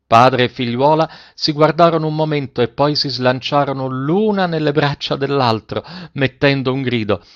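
A man narrates a classic tale in a steady, even storytelling voice of middle pitch. The recording is slightly muffled and lo-fi. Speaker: audiobook narrator. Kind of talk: scripted narration.

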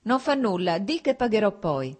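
A woman's voice: medium pitch, sing-song, moderate pace, breathy edge, pitched above the performer's own voice. Woman doing a hearty, effusive nobleman. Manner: effusive, insistent. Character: cheerful, hearty middle-aged nobleman.

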